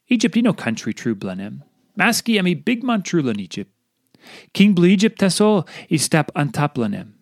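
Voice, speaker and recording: Papua New Guinean man reading an animated devotional. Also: a little high, no room sound, clean studio sound. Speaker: devotional reader.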